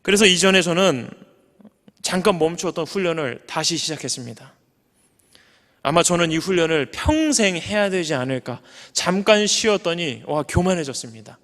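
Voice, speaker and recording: A high-voiced male pastor preaching in a church sanctuary, earnest and personal. His voice climbs to strong, emphatic peaks, and it rings out with a long hall reverb. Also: a bit bright. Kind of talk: sermon.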